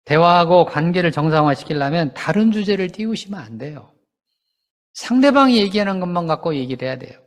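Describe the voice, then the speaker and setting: A man's voice: high-pitched, a little fast. A man preaching as a pastor, talking in a conversational way with rhetorical questions and briefly acting out quoted people. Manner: animated, acts out quoted parents and children. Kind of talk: sermon. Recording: long hall reverb.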